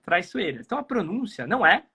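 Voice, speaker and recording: A Brazilian man teaching pronunciation in a high, bright voice with a husky grain. He explains patiently and repeats example words slowly, stretching them out for his students. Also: sing-song. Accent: Brazilian Portuguese. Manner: didactic, repeats words slowly to demonstrate sounds. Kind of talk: explanatory online lesson.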